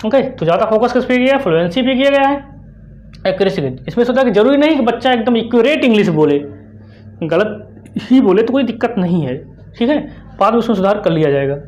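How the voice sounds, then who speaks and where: A young woman with an Indian accent teaching an online exam-prep lesson, putting quick questions to the class and answering them herself, repeating the key terms. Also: a little high, lively intonation, darkish tone, lo-fi sound. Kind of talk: explanatory online lecture.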